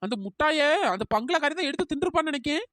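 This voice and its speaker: A woman's voice: animated, racing, fairly bright tone, no echo, clean studio sound. A woman doing a ranting, hot-tempered young village woman. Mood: indignant ranting. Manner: ranting, indignant. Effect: pitch-raised cartoon voice. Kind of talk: cartoon storytelling.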